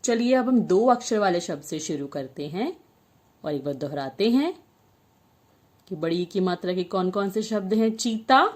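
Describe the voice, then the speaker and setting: A woman teaching young children a Hindi spelling lesson, saying each word slowly and clearly. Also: medium pitch, animated. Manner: slow, drawn-out word-by-word dictation.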